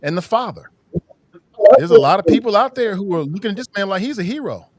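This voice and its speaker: A man's voice: sits high, expressive, fast talker, darkish tone, no echo. A man hosting a podcast over livestream headset audio, talking casually while under the weather, rambling and repeating words as he gives frank opinions. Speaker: podcast host.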